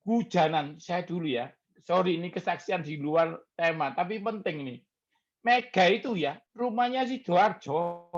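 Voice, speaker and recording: A man's voice: sits high, unhurried, highs cut off. A middle-aged man from Surabaya, preaching a chatty evening prayer sermon and drawing amens from the congregation. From Surabaya, Indonesia. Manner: lively, chatty, jokes with the congregation and calls for amen. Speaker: pastor.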